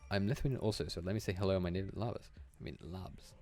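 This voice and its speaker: A young Welshman with a general British accent streams games from a room at home, talking fast in a deep voice while music plays underneath. He chats casually with his viewers through the commentary and laughs a lot as he goes.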